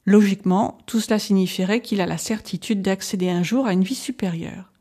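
A woman narrating a novel aloud in a measured, steady reading voice. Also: mid-range voice. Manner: measured, even reading of a doctor's journal. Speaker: audiobook narrator. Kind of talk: scripted narration.

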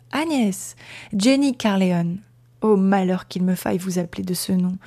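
A haggard, vehement young woman from a period novel read aloud, voiced by a woman narrator. She speaks with urgent, impassioned insistence, her mellow voice pressing every word. The tone stays low and warm rather than shrill. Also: natural voice.

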